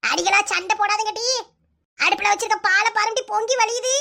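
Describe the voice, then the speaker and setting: A woman voicing a bedridden, sharp-tongued old mother-in-law in a comic cartoon, nagging and scolding in a Kanyakumari Tamil accent. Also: very high voice, fairly quick, creaky, heavily acted. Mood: bossy.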